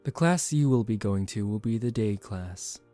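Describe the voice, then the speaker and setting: This man plays a poised young vampire aristocrat in a quiet ASMR roleplay, calm and formal, gently taking charge while staying protective and secretive. His natural voice sits on the low side at a normal speed, with no room sound and faint music behind, and the mood is gentle and reassuring.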